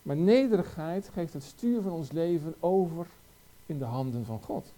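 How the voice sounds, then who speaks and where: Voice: mid-range voice, animated, moderate pace, mellow. A preacher giving a sermon, asking the congregation rhetorical questions with emphasis.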